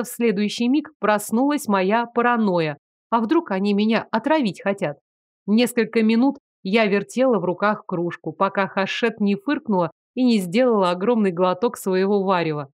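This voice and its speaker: A woman narrating a first-person fantasy audiobook in an expressive, lively storytelling manner. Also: mid-range voice, moderate pace, no echo, clean studio sound.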